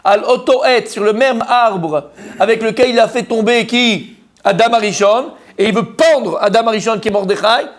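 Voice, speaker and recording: Guy teaching a torah class, highish voice, keeps firing questions at the room and answering himself. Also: moderate pace. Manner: acts out the story's characters, mixes Hebrew terms into French. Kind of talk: lively Torah lesson to a room of men.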